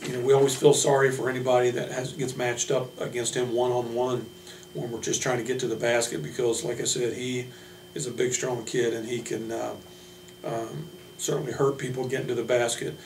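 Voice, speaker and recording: A college basketball head coach introduces his team roster unscripted, in a flat, even tone. His mid-range voice comes out halting and plain-spoken. The recording sounds roomy and distant, with a noticeable hum.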